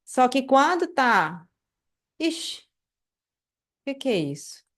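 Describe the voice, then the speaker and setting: A woman with a Brazilian Portuguese accent teaching an online language lesson, patiently repeating phrases slowly and checking in with the listener. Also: sits high, sing-song, fairly bright tone.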